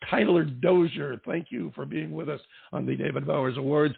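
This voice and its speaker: A man hosting an awards show interview, chatting casually with rambling asides in a gravelly, raspy voice. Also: fairly high pitch, moderate pace, no room sound. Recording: tinny phone-like line.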